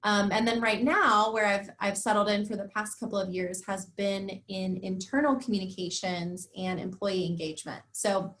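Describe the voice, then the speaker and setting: A young woman speaking over a video call, presenting to a student group in an easy, chatty way. She talks at a middle pitch and often pauses with ums. Her voice comes through a computer mic from a home setup. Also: steady tone, fairly bright tone. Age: young adult. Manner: friendly, conversational, with frequent ums. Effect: heard over a video call. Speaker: guest speaker. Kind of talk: informal presentation. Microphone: computer or headset mic on a video call.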